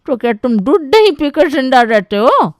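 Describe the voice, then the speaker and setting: A loud, bossy older aunt from an animated story, put on by a woman, fires off blunt, nosy questions with mocking scorn. The voice sits high and pushes loud, and the sound is dry and close. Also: normal speed, no echo.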